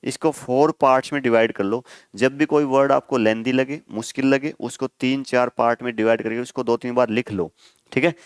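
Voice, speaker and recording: A male coaching teacher with a smooth, clear voice, recorded dry and close. He explains vocabulary by asking his students questions and then answering them himself. He checks in with "okay?" constantly and spells hard words out letter by letter. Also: mid-range voice, steady tone, fairly quick, dry recording. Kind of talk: exam-prep vocabulary lesson.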